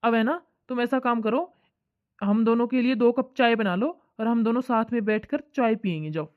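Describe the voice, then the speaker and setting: An unbothered cartoon husband put on by a woman soothes and dismisses in a fairly high voice. The sound is tinny and phone-like, with no room around it. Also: normal speed, dry recording, lightly acted. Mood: placating. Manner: placating, brushing things off. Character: easygoing husband, calm, dismissive. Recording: tinny phone-like dry voice track.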